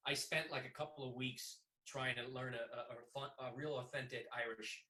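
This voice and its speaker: A man's voice: medium pitch, steady tone, moderate pace, bright, forceful tone, reverberant, distant mic. A man who makes films, talking casually and enthusiastically with many fillers. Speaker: filmmaker. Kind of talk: casual chat.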